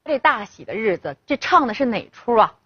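A woman's voice: a little high, sing-song, fairly quick, pushed and bright, breathy edge, no room sound, exaggerated voice. A woman voicing a haughty village mother who sneers and scolds. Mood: sneering. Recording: dull lo-fi, dry.

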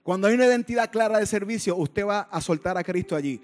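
A male pastor delivering a sermon, moving between hushed storytelling and loud, fervent outbursts. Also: sits high, quick pace.

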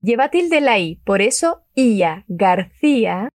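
A woman teaching a Spanish lesson, upbeat and enthusiastic, saying model phrases slowly and clearly for learners to repeat. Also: fairly high pitch, animated, darkish tone, dry recording, studio quality. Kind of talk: language lesson with repeat-after-me drills.

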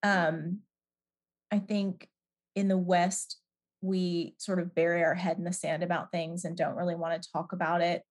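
A woman's voice: lowish voice, flat delivery, measured pace. A middle-aged woman from Canada answering questions in a podcast interview, thoughtful and hesitant with many fillers. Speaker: guest.

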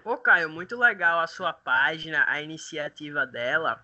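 Bright, punchy Brazilian Portuguese male podcast host. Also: on the high side, expressive, normal speed. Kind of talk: casual football podcast presenting.

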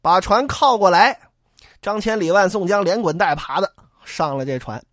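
Male storyteller, colloquial and animated, very dry close sound. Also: high voice, moderate pace, no echo. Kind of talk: traditional storytelling narration.

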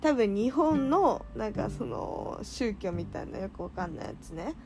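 A woman's voice: medium pitch, big pitch swings, moderate pace, background noise. A woman chatting casually as she tells a story, acting out quoted lines and laughing often. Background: background music.

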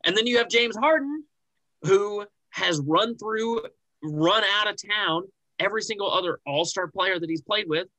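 Animated young man, bright forceful voice. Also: high-pitched, normal speed, dry recording, poor audio. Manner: animated, rambling, many restarts and "like" fillers. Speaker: podcast co-host. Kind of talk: casual sports chat.

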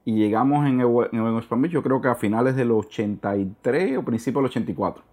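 A middle-aged man with a Cuban Spanish accent speaks as a guest in a relaxed interview. His voice sits at an ordinary pitch, and he talks sincerely, circling back over his words as he searches for the right one. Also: fast. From Cuba. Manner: earnest, searches for words, repeats himself. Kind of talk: casual conversational interview.

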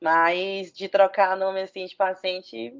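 A woman psychologist in casual chat, speaking in a measured, hesitant way with pauses and fillers. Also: mid-range voice, little pitch movement, clear, resonant tone.

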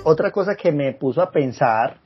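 A man's voice: on the high side, lively intonation, normal speed, faint music behind. Guy chatting on a podcast, laid back, kinda muffled recording. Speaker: podcast co-host. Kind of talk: casual chat.

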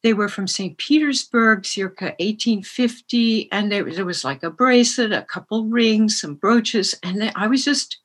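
A woman's voice: medium pitch, moderate pace, hardly any pauses. A woman from France telling her story as a guest in an interview over a remote call, often laughing lightly.

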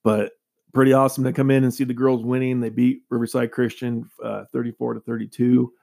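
A man's voice: medium pitch, flat delivery, a little fast, creaky, warm tone. A man hosting a local sports radio show, reading scores and joking with his co-hosts in a casual, upbeat way.

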